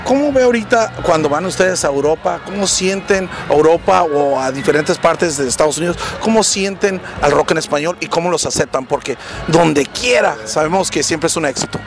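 A man interviewing a rock musician live at an outdoor concert event for a rock website, asking long, flattering questions with eager energy. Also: a little high, a little fast. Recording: outdoor recording with loud music behind.

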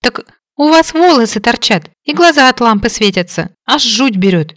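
A jumpy young maid played by a woman reader squeaks out her words in a high, startled voice, close to the mic. Her speech comes in breathless little bursts. The audiobook recording is dry and plain. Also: lively intonation, moderate pace, fairly bright tone, no echo. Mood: frightened. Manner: startled, stammering exclamations. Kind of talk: audiobook character voice.

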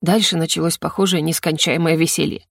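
A woman's voice: deep voice, fairly even intonation, fairly quick, vocal fry, no echo, studio quality. A woman narrating a first-person fantasy audiobook with a wry storytelling manner.

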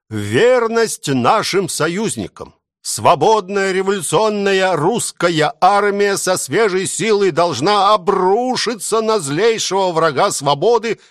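A man's voice: high voice, fairly bright tone, dry recording, clean studio sound, voice pushed up, heavily acted. A man voicing a pompous middle-aged army commissar who declaims rousing slogans to soldiers.

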